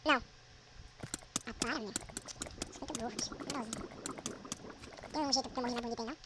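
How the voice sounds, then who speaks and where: A woman with a Brazilian accent giving casual gameplay commentary, swearing constantly and yelling at the game. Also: a little high, quick pace, heavy background noise. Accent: Brazilian Portuguese. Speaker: gamer.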